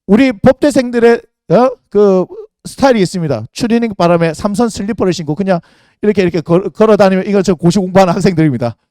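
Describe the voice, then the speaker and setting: A man in his forties preaching a lively youth sermon, animated and full of rhetorical questions to the congregation. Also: high-pitched, fast, no echo, clean studio sound. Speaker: pastor.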